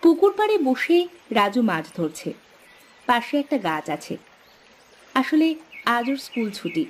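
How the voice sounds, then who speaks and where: A woman giving scripted storybook narration for a cartoon in a steady storytelling manner. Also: on the high side, a little slow, a little hiss or hum.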